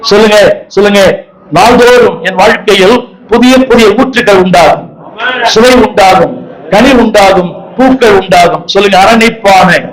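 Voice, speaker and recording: A man preaching a sermon to a gathering, repeating his phrases and urging the crowd to say them back loudly. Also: sits high, normal speed, low-quality recording. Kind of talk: sermon with call-and-response.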